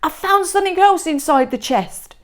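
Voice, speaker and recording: A woman voicing an eager female pirate who cries out in a raised voice, reading slowly from a storybook. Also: sits high, pitched above the performer's own voice.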